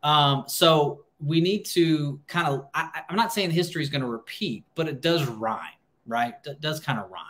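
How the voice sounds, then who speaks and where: An American man in his thirties, a financial planner hosting a livestream, explains things informally to camera, conversational and emphatic, repeating words for stress. His voice is on the high side and a bit bright, with lively intonation, normal speed and few pauses.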